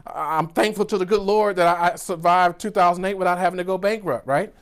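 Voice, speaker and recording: A man's voice: sits high, fast, smooth. A man in his fifties with a Georgia accent, giving an exuberant, preacher-like motivational keynote and tagging his lines with "right?". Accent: Southern US (Georgia). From Georgia, USA. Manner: exuberant, preacher-like, with whoops and a constant "right?" tag. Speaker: business coach, keynote speaker.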